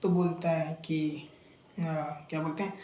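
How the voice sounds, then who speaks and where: A man's voice: fairly high pitch, little pitch movement, a little slow, warm tone, echoey room, dull audio, a little hiss or hum. A young man in casual vlog storytelling, retelling a bad experience in a chatty, indignant way, full of fillers and restarts. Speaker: vlogger recounting a bad coaching experience.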